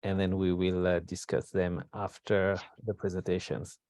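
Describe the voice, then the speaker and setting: A man's voice: low voice, little pitch movement, moderate pace, darkish tone, no room sound, studio quality. A man moderating a webinar, speaking hesitantly with fillers. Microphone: video call.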